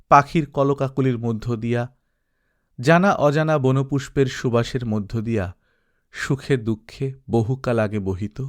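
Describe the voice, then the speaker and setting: Narrating an audiobook of a literary story, a man with a mid-range voice reads expressively and reflectively, letting dramatic pauses hang.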